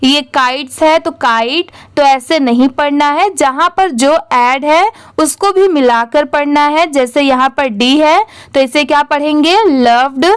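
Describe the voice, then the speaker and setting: A young woman with an Indian accent leads a reading lesson, spelling each word letter by letter and then saying it whole. Her voice sits high and she takes her time. The sound is close and dry. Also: a little slow, hardly any pauses, dry recording. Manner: spells words letter by letter, then says them; asks and answers her own questions. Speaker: English teacher. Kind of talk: slow step-by-step reading lesson.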